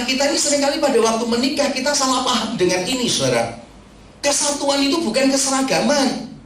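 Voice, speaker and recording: High-voiced man preaching in an echoey hall. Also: recorded from a distance, slight background noise. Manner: humorous, lively preaching with mimicked congregants. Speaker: pastor. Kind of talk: sermon to married couples.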